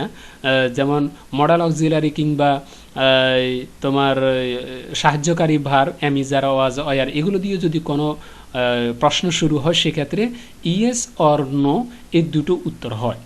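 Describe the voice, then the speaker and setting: Male teacher, slightly high voice, slow patient explaining with lots of uh pauses. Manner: patient, repeats questions to students, many filler "ah" pauses. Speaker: English teacher. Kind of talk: classroom lesson explanation.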